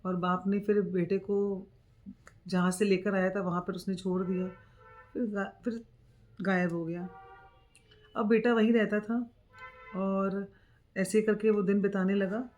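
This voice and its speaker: A young woman vlogger tells a spiritual story in a relaxed, conversational way. She narrates with a chatty, informal flow. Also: mid-range voice, unhurried, pauses often, highs cut off, faint music behind.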